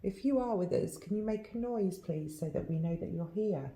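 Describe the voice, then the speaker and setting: A woman's voice: mid-range voice, expressive, moderate pace, dark tone, slight background noise. A woman ghost hunter calling out to spirits and talking casually in an echoey room. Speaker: paranormal investigator.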